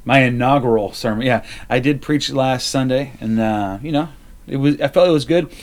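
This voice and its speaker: A man's voice: medium pitch, moderate pace. Man, pastor, casual podcast co-host, easygoing and chuckly, remote audio. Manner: easygoing, relaxed, laughs often. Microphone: remote recording over the internet.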